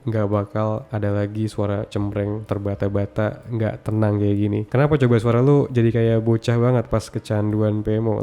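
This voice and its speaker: A man talks to camera in a relaxed, slangy advice monologue, addressing the viewer directly. His voice sits fairly low and has a dark, mellow tone. He stacks his points in quick, short phrases. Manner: speaks straight to the viewer in slangy, casual address; lists points one after another in short phrases. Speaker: self-improvement content creator. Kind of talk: casual talking-head advice monologue.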